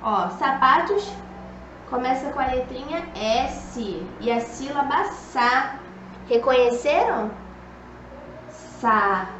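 A woman's voice: high voice, animated, takes it slowly, a bit bright, slight background noise. Patient young woman teaching small kids. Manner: patient, coaxing, talks to kids as "a tia", many "ó" and "tá bom?". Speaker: preschool teacher. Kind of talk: recorded video lesson for small children. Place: classroom with a whiteboard. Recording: dull echoey room recording.

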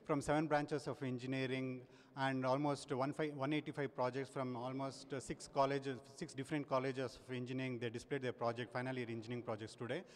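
A man's voice: medium pitch, flat delivery, brisk, soft background music. A middle-aged man, a college dean interviewed on a handheld mic inside a large workshop hall, matter-of-fact. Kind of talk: on-camera news interview. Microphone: handheld news mic.

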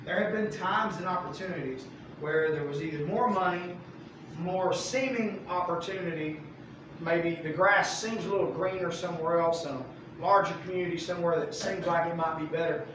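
A man teaching a Bible study as pastor, folksy and animated, reading verses and acting out the characters' voices. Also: a little high, normal speed, noisy background. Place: church sanctuary. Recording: echoey room mic from far off.

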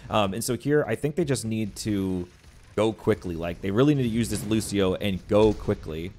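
Low-voiced casual esports caster man. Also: moderate pace, darkish tone. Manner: casual analytical, heavy with fillers. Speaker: esports commentator. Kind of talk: live esports commentary.

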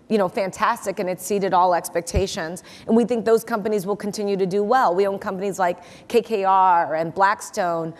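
A woman in her forties, an investor interviewed on stage, speaking confidently and repeating words for emphasis into a lapel mic. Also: medium pitch. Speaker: investor and keynote guest. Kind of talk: onstage interview. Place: large conference hall stage. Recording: long hall reverb.

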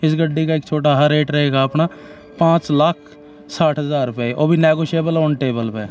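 A man in his thirties working as a car dealer on an outdoor lot, giving a matter-of-fact pitch that runs through the features and rates. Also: steady tone, normal speed, darkish tone, faint music behind. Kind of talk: sales pitch.

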